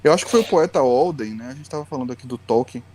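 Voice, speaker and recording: A man in a podcast interview with a warm, mellow tone and a middle-height voice. He explains patiently and methodically, like a teacher walking through a point. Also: medium pitch, lively intonation, very fast. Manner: patient, lecturing, often tags lines with "né". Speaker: guest educator.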